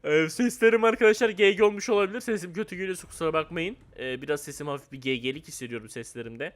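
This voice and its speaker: A young man giving casual, excitable gameplay commentary, often laughing and teasing other players. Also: fairly high pitch, fast talker. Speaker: gaming YouTuber.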